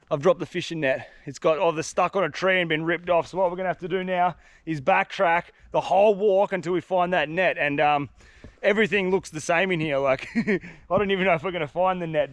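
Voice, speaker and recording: Hiking through a dense, humid forest, a young man talks to camera for his fishing vlog, sounding congested and stuffed up. He's high-pitched and a little fast, with a dry recording, keeping things relaxed, chatty and full of slang.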